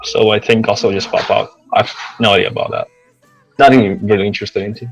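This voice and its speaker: A man's voice: fairly low pitch, fairly even intonation, fast talker, gravelly, dry recording, low-quality recording. A man from southeastern Europe co-hosting a podcast, playful, with non-native phrasing. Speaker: podcast co-host. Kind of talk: podcast banter.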